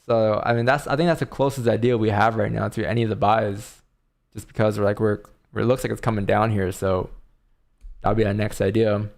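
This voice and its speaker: A man's voice: fairly low pitch, fairly even intonation, brisk, vocal fry. A man giving casual live commentary as a stream host, rambling informally and thinking aloud.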